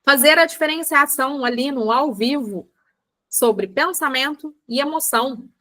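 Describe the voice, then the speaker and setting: A Brazilian woman, a psychologist, speaks high at normal speed in a bright, forceful tone while teaching a book club class online. Chatty and Brazilian Portuguese-accented, she calls her listeners "gente" and acts out everyday moments.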